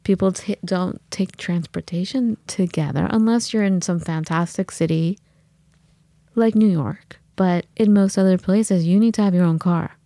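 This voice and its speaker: A woman co-hosts a casual podcast, her voice mellow and dark. She tells her stories with animation and slips into the voices of the people she quotes. The sound is dry and close. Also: lowish voice, moderate pace, no room sound. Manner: animated storytelling with acted-out quotes. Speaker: podcast co-host.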